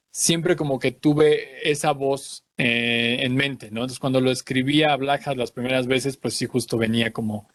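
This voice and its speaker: A young adult man delivers a conference talk at a moderate, middle pitch. He explains things patiently, often stopping to hunt for the right word and repeating himself. The sound is dry and close, with no room echo. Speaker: cartoon creator giving a talk.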